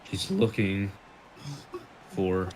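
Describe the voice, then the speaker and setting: Deep-voiced casual football co-commentator. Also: male voice, steady tone, drawn-out words, a little hiss or hum. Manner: casual, hesitant, filler-heavy.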